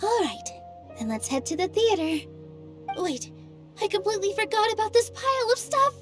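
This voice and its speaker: A woman voicing Nilou, a gentle and modest young female theater dancer in a video game, soft-spoken and polite. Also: very high-pitched, sing-song, normal speed, music in the background. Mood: cheerful.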